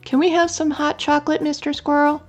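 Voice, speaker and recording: An older woman doing the smallest bird of a flock in a storybook, a very high squeaky little voice. He is earnest and kind, scolding his friends to be nice. Faint music runs behind. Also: flat delivery, brisk, dull audio, natural voice. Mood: pleading.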